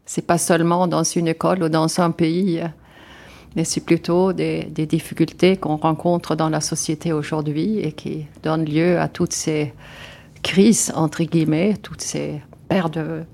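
An older Swedish woman, a guest in an interview, answers questions in French with a Swedish accent, thinking carefully and often pausing with fillers and restarts. Her voice is deep, creaky and darkish, with a flat delivery.

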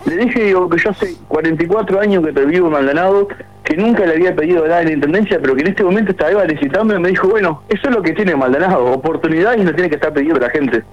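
Over a muffled radio phone line, an aggrieved Uruguayan caller in his forties airs a long complaint, rambling and restarting again and again. He speaks in Uruguayan Spanish-accented tones that run on the high side and come out at a racing speed.

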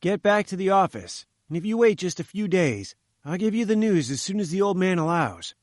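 A man's voice: sits high, big pitch swings, fairly quick, dry recording, studio quality, voice pushed up. A man voicing a confident male journalist who speaks in a breezy, firm way.

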